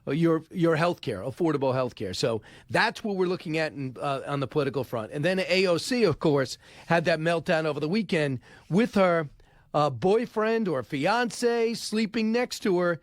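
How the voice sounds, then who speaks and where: A middle-aged man hosting political talk radio, commenting in an animated, indignant way. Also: fairly high pitch, dry recording. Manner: animated, indignant, quick asides. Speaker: radio host. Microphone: studio microphone.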